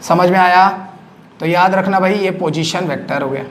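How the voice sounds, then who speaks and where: A male physics teacher, lecturing at a classroom board, asking checking questions and slowly dictating definitions word by word. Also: high-pitched, slight background noise.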